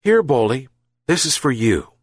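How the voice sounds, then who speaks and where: A man voicing a poor, gentle old fisherman, in a raised, strained voice. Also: medium pitch, sing-song, a little slow, husky, no echo.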